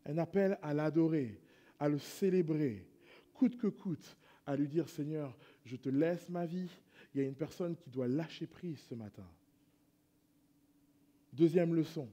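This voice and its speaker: Male pastor, high voice, sermon in church, quiet prayer swelling into fervent preaching. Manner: swings from hushed prayerful to loud impassioned preaching.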